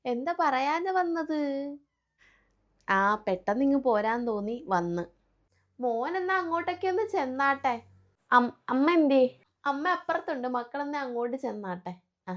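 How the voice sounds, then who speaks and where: A woman's voice: sits high, expressive, normal speed, heavy background noise. A woman acting out a family skit, fussing and scolding as she plays several relatives.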